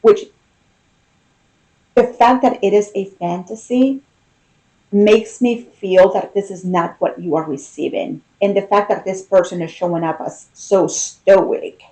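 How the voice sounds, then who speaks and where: A woman giving an unscripted, intimate tarot reading, pausing and thinking aloud as she talks to the listener. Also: mid-range voice, dark tone, low-quality recording. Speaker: tarot reader.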